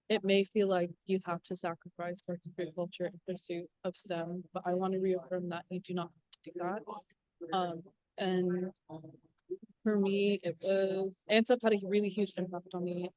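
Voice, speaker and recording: A young woman engineer from southwest Alaska speaks on a panel in casual talk, earnest and encouraging, with lots of filler words. Her voice is lowish and flat at a normal speed. The recording is dry and muffled.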